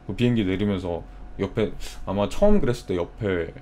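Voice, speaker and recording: A man's voice: low voice, animated, a little fast, mellow, a little hiss or hum. A young man streaming, chatting casually and telling a story with acted-out quotes. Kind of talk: casual live-stream chat.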